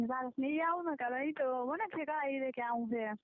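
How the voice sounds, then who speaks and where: Over a muffled, band-limited phone line with a little hiss or hum, a young rural Gujarati-accented woman gossips casually, asking questions and recounting talks as quoted dialogue. Her voice is high, at a normal speed.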